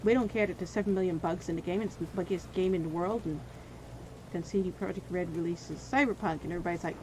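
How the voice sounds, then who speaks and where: A woman streaming gameplay, her voice hoarse and wearing out, rambling and venting between comments on the game. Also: on the low side, fast talker, noisy background.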